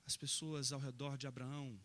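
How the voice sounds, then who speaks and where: A middle-aged man preaching a sermon with passion, rising to loud emphatic peaks and acting out bits of dialogue. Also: medium pitch, little pitch movement, moderate pace.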